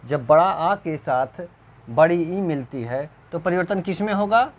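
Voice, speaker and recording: A man teaching a recorded exam-prep grammar lecture, repeating points slowly, often clearing his throat, and checking whether students understood. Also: animated. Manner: slow, repetitive, checks understanding with rhetorical questions; voice drops low at the end of answers. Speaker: Hindi teacher.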